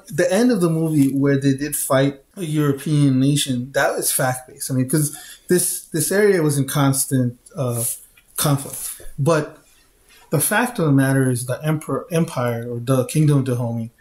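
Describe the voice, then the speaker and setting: A man co-hosting a podcast, explaining in a measured way, often repeating words as he starts. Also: on the high side, darkish tone. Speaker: podcast co-host. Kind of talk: casual chat. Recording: echoey room.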